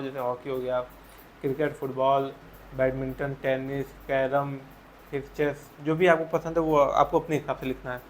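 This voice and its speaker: A man's voice: a little high, a little hiss or hum. A man teaching a school textbook chapter, patiently explaining answers and asking leading questions to his students.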